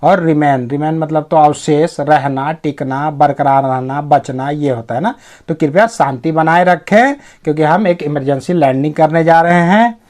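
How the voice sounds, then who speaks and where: A man with a somewhat high voice giving an English reading lesson in Hindi. He goes through the text word by word and reads the English sentences slowly and carefully. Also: a little mellow. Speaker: English teacher.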